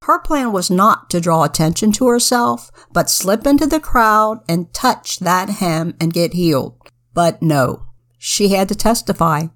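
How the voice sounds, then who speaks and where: Low-voiced woman giving earnest Bible commentary. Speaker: podcast co-host.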